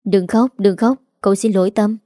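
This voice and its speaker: Woman playing a kind young gentleman, gentle, coaxing, soft mellow tone. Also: medium pitch, steady tone, normal speed, no room sound, clean studio sound, natural voice.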